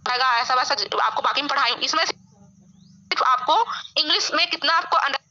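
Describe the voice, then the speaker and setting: A young woman English teacher giving a classroom grammar lesson, explaining slowly and often checking with "है ना?". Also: high-pitched, pushed and bright. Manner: explains slowly, keeps asking "है ना?". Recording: dull lo-fi sound.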